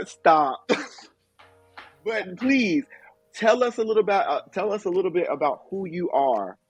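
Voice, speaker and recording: A man hosting a casual podcast chat, gushing and telling stories with animated energy. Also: high-pitched, a little slow, breathy edge, no room sound, faint music behind. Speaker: podcast host.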